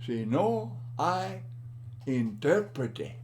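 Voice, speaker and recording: Man teaching a bible lesson, real slow and deliberate, voice swings up and down a lot, says things twice. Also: a little high, big pitch swings, a little mellow, slight background noise. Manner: slow, deliberate, repeats words for emphasis.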